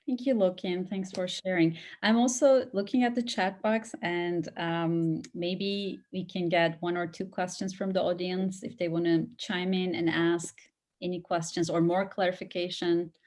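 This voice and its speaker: A woman's voice: lowish voice, fairly even intonation, a little slow, darkish tone. A woman moderating an online panel on a video call, politely restating questions with examples.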